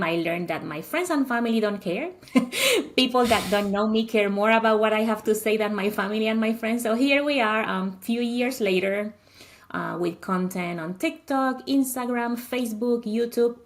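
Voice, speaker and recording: Puerto Rican woman, direct and emphatic. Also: mid-range voice. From Puerto Rico. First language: Spanish. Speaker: guest, accountant and money coach. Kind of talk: interview answers.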